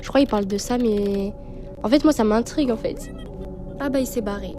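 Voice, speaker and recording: High-voiced young woman, horror game streamer. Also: fairly quick, over music. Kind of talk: casual gaming commentary with dialogue read aloud.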